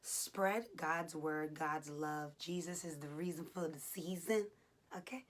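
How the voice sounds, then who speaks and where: Woman, slightly low pitch, emphatic, colloquial, exhorting, casual faith vlog host. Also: a little slow. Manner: emphatic, exhorting, colloquial, short punchy phrases. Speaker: host of a faith and fitness challenge. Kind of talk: casual motivational devotional vlog.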